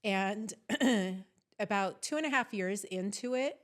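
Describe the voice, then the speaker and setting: A chatty woman therapist talks as a podcast guest and lists what she wants to know about her clients. She clears her throat now and then as she goes. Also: medium pitch, takes it slowly. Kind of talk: casual conversational interview.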